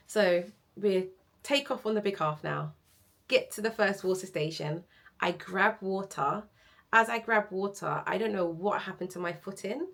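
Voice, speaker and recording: A woman telling a story casually to viewers as a running vlogger, animated and candid, acting out what people said. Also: on the low side. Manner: animated, candid, acts out quoted speech.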